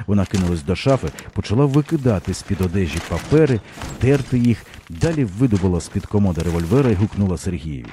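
A man narrating a literary story in an expressive, dramatic reading. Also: low-pitched, fast talker, few pauses, a little hiss or hum.

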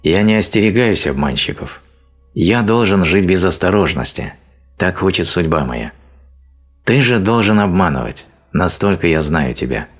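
A man's voice: low-pitched, expressive, moderate pace, soft background music. A man reading a stern, angry male sage in an audiobook, scolding with harsh declamation. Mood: scornful.

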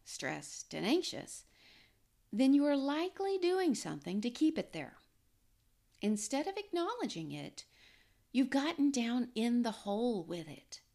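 Middle-aged woman with a gravelly voice. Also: mid-range voice, darkish tone. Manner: earnest, coaching tone. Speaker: podcast host. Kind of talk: solo podcast monologue.

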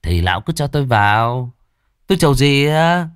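A man's voice: medium pitch, sing-song, moderate pace, smooth, no echo, studio quality, voice pushed up, lightly acted. A man voicing a drunk, pushy young gambler who hollers with a slurred voice. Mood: drunken calling.

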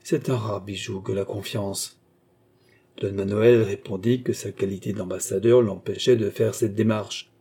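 A man reads a classic novel aloud as an audiobook narrator, measured and steady. His voice is mellow and dark, with a husky grain. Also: fairly low pitch.

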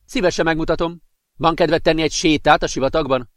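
A man's voice: on the high side, fairly even intonation, a bit bright, dry recording, studio quality, pitched above the performer's own voice, natural voice. A man voicing a friendly young alien woman in a read-aloud story, explaining her world in an earnest way.

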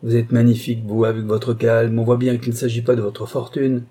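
A man's voice: mid-range voice, completely flat delivery, brisk, warm tone, breathy edge, lightly acted. A man reading an audiobook voices a scheming, cold-headed woman with a cool, cutting, sarcastic manner. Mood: mocking.

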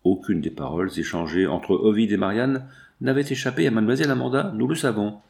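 Male audiobook narrator, fairly low voice, measured and even. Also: vocal fry. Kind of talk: scripted narration.

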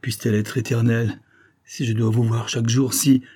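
A man's voice: mid-range voice, flat delivery, a little fast, mellow, breathy edge, natural voice. A man voicing a passionate young man in love in an audiobook, pleading and ardent. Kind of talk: audiobook reading.

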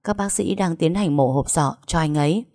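Một người phụ nữ đọc truyện lồng tiếng một cô y tá trẻ giải thích lễ phép, thận trọng. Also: female voice, low voice, normal speed, warm tone, no room sound, clean studio sound. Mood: careful. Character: young hospital nurse, polite and careful.

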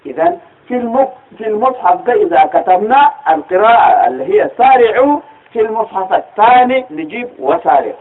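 A man who teaches Quranic studies gives a religious lecture with a Sudanese Arabic accent, his husky, fairly high voice full of lively intonation. He's patient in his explanations and frequently asks rhetorical questions. The audio comes through thin and tinny, like a phone call.

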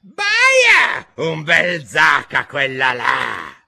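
A man voicing a furious, bossy queen who shrieks and yells at everyone in a storybook reading. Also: fairly high pitch, big pitch swings, unhurried, pitched above the performer's own voice, exaggerated voice. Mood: furious shouting. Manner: shrieking, stamping rage. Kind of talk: audiobook character voice.

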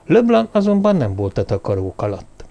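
A man narrating a suspense novel in a steady, measured audiobook reading. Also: medium pitch, vocal fry.

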